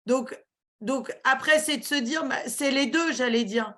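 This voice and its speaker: A woman with a slightly high voice gives a webinar talk over a video call. She halts often, with many fillers and restarts. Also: measured pace, bright, forceful tone. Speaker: guest speaker.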